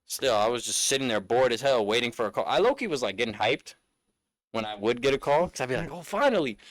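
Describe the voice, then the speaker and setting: Man, podcast co-host, easygoing slang, lively pitch swings, dry close-mic sound. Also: fast, dry recording. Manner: animated, laid-back slang. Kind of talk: casual podcast chat.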